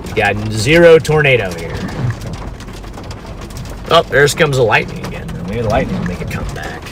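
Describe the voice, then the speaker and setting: A live-streaming storm chaser, very animated, chats informally with viewers while watching a storm from his car. His voice is lowish and his pace moderate, and the audio carries car noise and outdoor ambience.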